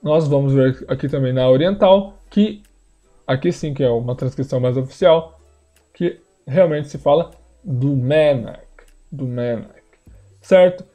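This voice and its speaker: A man, teaching pronunciation in a screen-share lesson, repeating words slowly for learners. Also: fairly high pitch, highs cut off, faint music behind. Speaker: language teacher.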